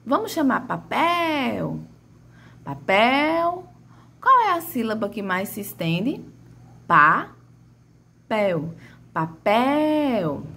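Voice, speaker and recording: A woman's voice: medium pitch, sharp tone, slight background noise. A woman teaching a grammar lesson, stretching out and calling out example words as she explains.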